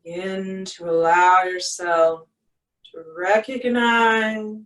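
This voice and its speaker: A meditation guide speaking in a soothing yoga-teacher manner, leaving long pauses between short, gentle phrases. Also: mid-range voice, fairly even intonation. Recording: echoey room, distant from mic.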